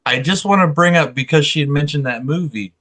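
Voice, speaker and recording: A man's voice: on the high side, fairly quick, fairly bright tone. A man co-hosting a casual chat, telling stories with enthusiasm. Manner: enthusiastic storyteller. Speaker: co-host.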